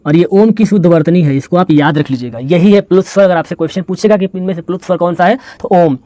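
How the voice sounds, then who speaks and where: A man's voice: high-pitched, quick pace, mellow, no echo. Man teaching with repeated questions. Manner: call-and-response questioning, playful storytelling about letters. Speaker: Hindi teacher. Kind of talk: classroom lesson at a board.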